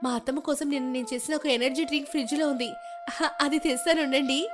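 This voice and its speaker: A woman's voice: high-pitched, fairly even intonation, quick pace, over music, pitched above the performer's own voice, close to an everyday voice. A woman voicing a naive, cheerful young daughter-in-law from a village who chatters eagerly.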